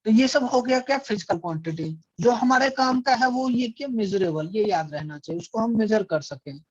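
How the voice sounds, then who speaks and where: A man's voice: high-pitched, expressive, normal speed, dry recording. A man teaching an online physics class, asking the students questions and answering them himself. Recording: dry, dull lo-fi audio.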